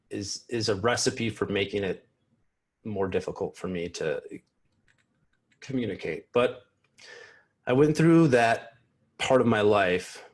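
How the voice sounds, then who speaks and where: A keynote speaker in his thirties with a somewhat low voice gives a personal talk at an online convention, joining by video call from a small room at home through an earphone mic. He stutters, with repeated sounds and blocks, often restarting his words, and speaks slowly, earnestly and reflectively.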